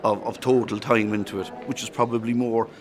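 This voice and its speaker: An Irish man in his fifties, an assembly member, speaking in a halting way with false starts. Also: on the low side, little pitch movement, a crowd in the background. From Ireland. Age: 50s. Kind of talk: interview talk.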